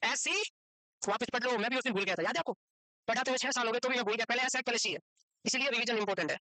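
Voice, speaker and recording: A man teaching a medical course, lecturing in a chatty, joking way and quizzing students with quick questions he answers himself. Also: extremely high pitch, pushed and bright, dry recording, poor audio. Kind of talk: lecture to a class, mixed with casual chat. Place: classroom with students present and online.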